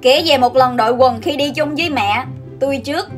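Young woman telling funny storytime, high pitched, soft music under it. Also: fairly quick. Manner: animated and dramatic, acts out scenes. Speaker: vlogger. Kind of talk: comic storytime narration.

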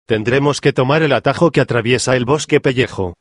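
A man voicing a calm, sensible male hobbit leader in an audiobook parody. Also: mid-range voice, fairly quick, no echo, lightly acted. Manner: calm, composed.

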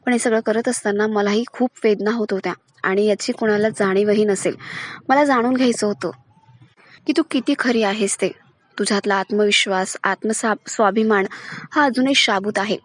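A woman reading the lines of a stern, proud, wealthy matriarch in a firm, measured way, while retelling a TV serial. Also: medium pitch, natural voice.

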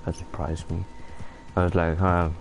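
A man's voice: low voice, completely flat delivery, moderate pace, over music. A young man from Iceland, an English speaker, rambling through casual commentary while playing a game. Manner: rambling, filler-heavy chat. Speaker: gaming YouTuber.

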